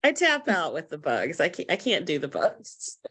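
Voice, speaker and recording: A woman's voice: low voice, huge pitch swings, moderate pace, a bit bright, slightly rough. A woman co-hosting a book club on a video call, reading out comments and laughing along. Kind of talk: casual chat on a video call.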